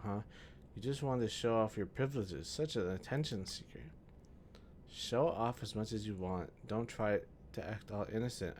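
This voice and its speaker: A man's voice: fairly low pitch, darkish tone, a little hiss or hum, lightly acted. A man voicing a hostile, suspicious young man who accuses and snaps at others. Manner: accusing, defensive.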